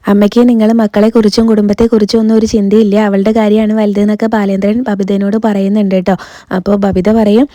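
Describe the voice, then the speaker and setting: A woman's voice: medium pitch, level tone, fast, warm tone, no echo. A woman casually retelling a TV serial episode, quoting the characters' lines and dropping frequent filler tags. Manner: retells dialogue in quotes, frequent "kētto" tag fillers. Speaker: serial recap host.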